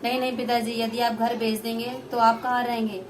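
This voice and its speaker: A woman's voice: a little high, level tone, brisk, a little hiss or hum, lightly acted. A young woman voicing a poor, meek young daughter-in-law in a puppet play, pleading and submissive. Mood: distressed.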